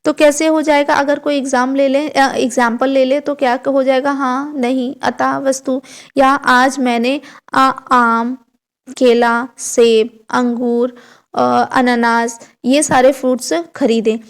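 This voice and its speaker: A woman's voice: high voice, flat delivery, normal speed. A young woman teaching an online grammar lesson for exam students, explaining step by step and asking herself questions before answering, with English words mixed into her speech.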